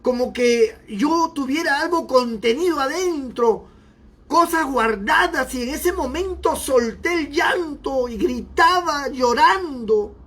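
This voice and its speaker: A man's voice: extremely high pitch, expressive, slow, fairly bright tone. A pastor telling his conversion testimony in an emotional, repetitive way. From Peru. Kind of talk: sermon testimony.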